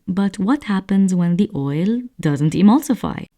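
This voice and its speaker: A woman's voice: mid-range voice, animated, measured pace, warm tone. Young woman chatting thru a recipe in her kitchen, playful, talks to the viewers like friends. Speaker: cooking channel host. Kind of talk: casual recipe vlog narration.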